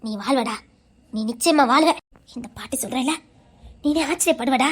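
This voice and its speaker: A gentle old Tirunelveli grandmother. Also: sits high, normal speed, slightly rough. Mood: consoling. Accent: Tirunelveli Tamil. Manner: gentle, reassuring, earnest. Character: loving old grandmother consoling her grandson. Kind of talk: village comedy drama acting.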